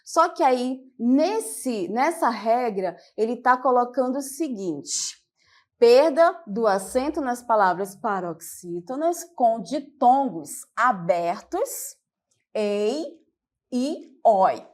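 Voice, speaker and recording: A woman's voice: fairly high pitch, big pitch swings. A woman teacher with a Brazilian Portuguese accent gives a televised classroom lesson, explaining step by step and often checking that her students follow. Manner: slow and patient, explains step by step with check-ins.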